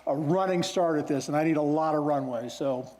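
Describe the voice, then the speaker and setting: A man preaching a sermon as pastor, in a relaxed, conversational storytelling way. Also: fairly high pitch, fairly quick. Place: church sanctuary. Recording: long church hall reverb.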